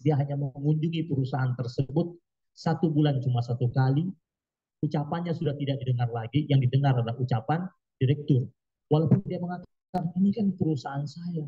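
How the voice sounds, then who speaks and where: A man's voice: on the high side, breathy edge, muffled recording. A man giving an Islamic sermon at a study gathering, emphatic, full of rhetorical questions and dramatic quoted outbursts. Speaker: preacher.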